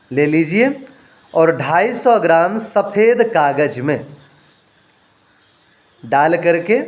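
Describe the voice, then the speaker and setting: A man with a somewhat high voice explains home remedies in an instructional way. He talks at a slow, deliberate pace. He spells out words and repeats lists carefully. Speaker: Ayurvedic remedy teacher.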